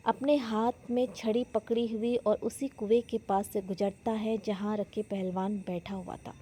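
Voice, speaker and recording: A woman teaching a Hindi literature lesson, retelling and explaining a short story in a slow, explanatory way with occasional fillers and restarts. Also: medium pitch, dark tone.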